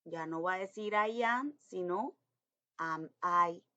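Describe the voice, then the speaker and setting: A woman who teaches English to schoolchildren, explaining grammar step by step and slowly repeating example sentences. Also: lowish voice, sharp tone. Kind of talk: explaining grammar in an online lesson. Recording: dull lo-fi recording.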